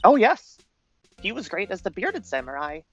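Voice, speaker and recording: Eager young sidekick, exclamatory, lively, lo-fi sound, read by a woman. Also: mid-range voice, normal speed, slightly rough, soft background music. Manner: excitable, exclamatory.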